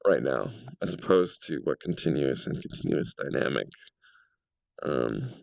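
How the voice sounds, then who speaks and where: This game world creator has a deep, gravelly voice, slightly raspy from a cold, and he rambles through casual gameplay commentary full of fillers as he tests things out. His home mic gives a dry, somewhat dull sound with no room echo.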